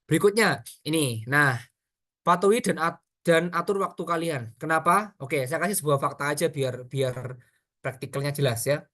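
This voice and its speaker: A man's voice: fairly high pitch, normal speed. Chatty man giving a workshop talk. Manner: chatty, animated, addresses audience directly. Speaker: workshop speaker. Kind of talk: casual online workshop talk.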